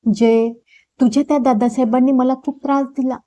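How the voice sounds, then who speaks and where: A woman's voice: high-pitched, steady tone, moderate pace, dark tone, close to an everyday voice. A woman voicing a hurt, tearful young woman in an audiobook novel. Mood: upset. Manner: sorrowful, complaining.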